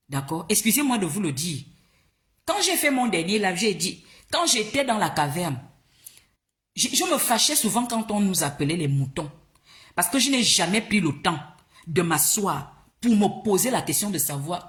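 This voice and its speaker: A woman from Gabon speaking on a live stream, her pitch swinging up and down as she argues. She sounds indignant and confrontational, repeats her questions, and trips over restarts when she gets agitated. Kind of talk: heated live-stream monologue.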